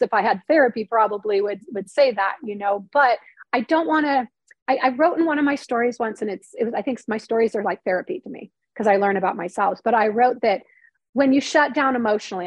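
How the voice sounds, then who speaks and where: A middle-aged woman with a slightly high, husky voice tells her story as an interview guest. She is chatty and earnest, leans on fillers, and acts out the lines of the people she quotes. The sound is close and dry, with no room around her. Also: dry recording. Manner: chatty, heavy use of "like" and "you know", acts out quotes; earnest and candid. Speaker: interview guest, former TV news reporter turned novelist. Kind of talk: emotional personal storytelling in conversation.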